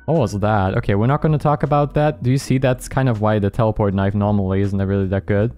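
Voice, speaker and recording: Mellow-voiced man chatting over gameplay. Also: lowish voice, fairly even intonation, fast, faint music behind. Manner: laughing, apologetic, self-mocking. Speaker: gaming YouTuber. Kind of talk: casual gameplay commentary.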